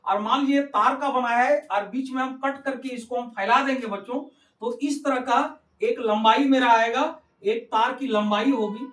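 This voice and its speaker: A man's voice: very high-pitched, fairly even intonation, normal speed, fairly bright tone. A male math teacher explaining a geometry lesson to children, repeating points and calling on the kids again and again, with a Hindi accent. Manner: repetitive, addresses the kids constantly. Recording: roomy, from a distance.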